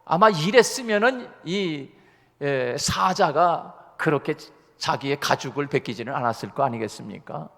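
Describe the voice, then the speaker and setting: A man preaching in a church, telling a fable with lively, slowed emphasis. His voice sits a bit high, and a long reverb fills the sanctuary. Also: gravelly. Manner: storytelling, animated with slowed emphasis. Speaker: pastor. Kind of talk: sermon.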